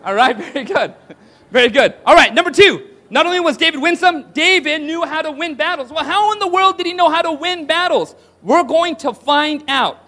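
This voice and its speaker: A man's voice: very high voice, lively intonation, moderate pace, sharp tone. A man preaching a sermon to a congregation, asking rhetorical questions and calling for responses. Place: church hall with audience.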